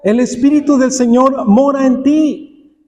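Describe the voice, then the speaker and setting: A man with a very high voice delivers a sermon in a church hall, speaking a little slowly in a slightly mellow tone. He throws rhetorical questions at the congregation and performs imagined dialogues and quotes, all under the long echo of a large hall.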